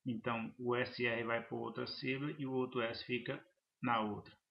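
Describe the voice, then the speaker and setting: A man teaching a grammar lesson, halting and restarting phrases as he explains examples. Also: mid-range voice, flat delivery, gravelly, fairly bright tone. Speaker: Portuguese teacher.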